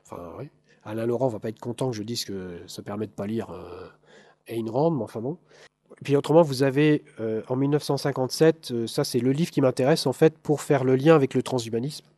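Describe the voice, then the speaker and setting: A man from France gives a talk to a live audience, his voice mellow and darkish. He hesitates a lot, fills pauses and restarts his sentences, and throws in dry asides to the audience. The sound is close and dry. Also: mid-range voice, no echo. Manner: hesitant, many fillers and restarts. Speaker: lecturer. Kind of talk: live conference talk with slides.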